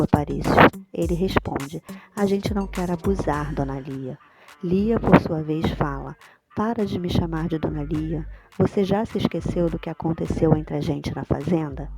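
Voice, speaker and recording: A woman with a Brazilian Portuguese accent giving a scripted soap opera recap, reading the characters' quoted lines aloud in a plain narrating voice. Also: on the low side. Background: background music.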